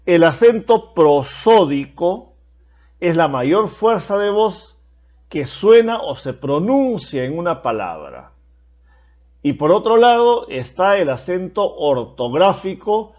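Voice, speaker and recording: A man's voice: fairly high pitch, a little mellow, lo-fi sound. A man teaching a recorded grammar lesson, patient and explanatory, repeating key points for his students.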